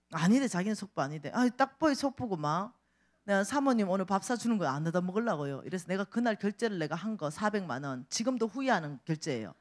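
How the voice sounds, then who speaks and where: Animated woman preaching. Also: mid-range voice. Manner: animated storytelling with dramatic quoted voices. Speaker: revival speaker. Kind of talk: sermon. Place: church.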